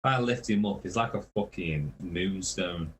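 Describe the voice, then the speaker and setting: A man's voice: low-pitched, a little slow, a bit bright, slight background noise. A man, a touring metal musician, telling rambling, swear-filled tour stories on a podcast. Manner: rambling, swears constantly, laughs through his stories. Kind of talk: casual storytelling on a podcast.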